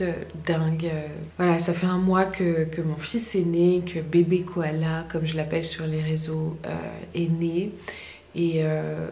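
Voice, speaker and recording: A young woman chatting casually to her viewers in a soft-spoken, hesitant and reflective way. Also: sits low, a little hiss or hum. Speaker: vlogger and ASMR creator. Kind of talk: casual personal vlog, talking to viewers. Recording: roomy, echoey sound with faint music.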